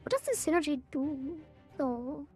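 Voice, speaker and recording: A woman's voice: high-pitched, animated, a little slow, darkish tone, faint music behind. A woman streamer giving casual gameplay commentary, thinking aloud and reading bits of game text.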